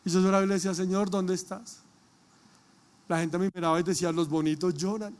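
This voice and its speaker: A male pastor preaching a sermon, telling a personal testimony with emotion and rising to loud calls to the congregation. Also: high voice, fairly even intonation, racing, a little hiss or hum.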